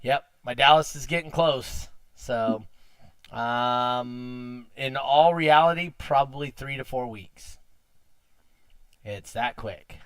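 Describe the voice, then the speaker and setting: A man hosting a casual car audio podcast livestream, chatty and quick to laugh. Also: medium pitch, a bit bright, clear, resonant tone, no room sound. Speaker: podcast host.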